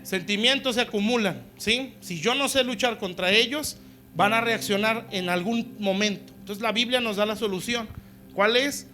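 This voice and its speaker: A man's voice: high-pitched, normal speed, sharp tone. A male pastor preaching conversationally, often checking in with "¿sí?" and acting out quoted voices. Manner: acts out quoted voices in dialogue. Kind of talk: sermon. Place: church service.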